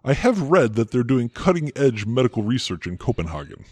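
A man's voice: mid-range voice, big pitch swings, a little fast, a little mellow, slightly rough, no room sound, clean studio sound. A man playing a stuffy, pompous interviewer with a formal, exasperated manner in a comedy sketch. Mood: skeptical.

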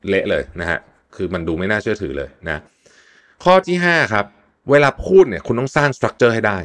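A man's voice: lowish voice, big pitch swings, fairly quick. A man hosting a solo podcast, explaining tips in a chatty, casual way with frequent polite particles and repeated words. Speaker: podcast host.

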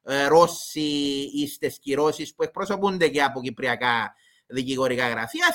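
A man's voice: on the high side, bright, forceful tone. A man with a Cypriot Greek accent giving explanatory commentary as an expert guest in an interview.

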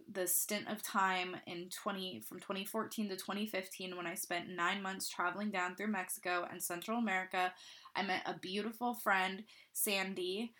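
A woman's voice: medium pitch, bright, forceful tone. A woman hosting a podcast, talking in a casual, effusive and encouraging self-help influencer manner. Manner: informal, effusive, with frequent "like" and light swearing. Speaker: podcast host.

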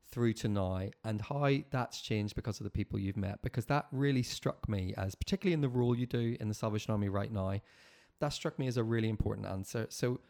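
A man's voice: lowish voice, creaky, darkish tone. A man hosts a casual interview in an encouraging way, often repeating himself in short phrases. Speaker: podcast host.

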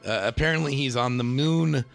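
A man hosting a casual TV podcast, relaxed, putting questions to his co-hosts. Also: mid-range voice, moderate pace, gravelly, soft background music. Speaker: podcast host. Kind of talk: casual chat.

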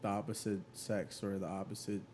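A man's voice: on the low side, little pitch movement, fairly quick, a little mellow. A young man chats as a podcast co-host with faint room noise behind him. He rambles in a casual, conversational way, looping back on his points. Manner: rambling, repeats "like" and "you know what I mean". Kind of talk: casual chat.

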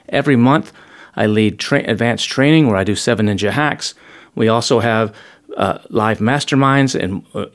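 A man delivering an enthusiastic, salesy promotional pitch. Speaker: show regular doing a promo.

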